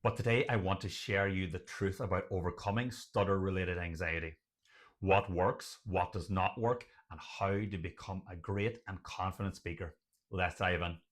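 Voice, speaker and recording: An Irish doctor and stuttering advocate hosts a video, giving motivational advice to camera in a low, steady voice at a moderate pace. He speaks emphatically, building his points through repeated lists.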